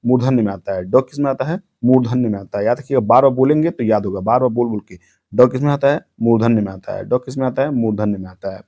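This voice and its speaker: A man's voice: medium pitch, fast talker, mellow. A young man teaching an exam-prep grammar lesson with a north Indian Hindi accent, asking each question and then repeating the answer for drilling. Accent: Hindi-speaking north Indian.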